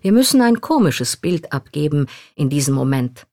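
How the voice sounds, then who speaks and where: A woman reading a first-person memoir aloud in a calm, reflective manner. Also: low-pitched, normal speed, no echo, clean studio sound. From Poland. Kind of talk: scripted literary narration.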